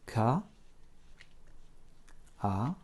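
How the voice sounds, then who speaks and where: A man teaching beginners to write letters, talking them slowly through each stroke. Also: medium pitch, sing-song, a little mellow, husky. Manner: slow, step-by-step instruction. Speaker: Russian teacher. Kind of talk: handwriting lesson for beginners.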